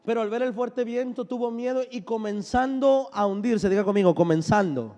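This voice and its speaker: A male pastor with a high-sitting, warm voice preaches a sermon at normal speed, leading his congregation in call-and-response and tossing in joking asides. He sounds a bit unwell and says he is sick. The recording carries a long hall reverb.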